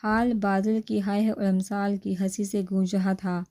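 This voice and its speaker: Woman, novel reader, mellow tone, fairly flat delivery, voiced dialogue. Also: medium pitch, measured pace.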